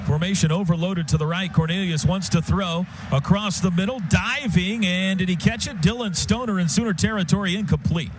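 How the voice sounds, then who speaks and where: A high-voiced American man calls live football on the radio fairly quickly and with few pauses, speaking in clipped present-tense phrases. The stadium booth broadcast has background noise and loud stadium sound behind him.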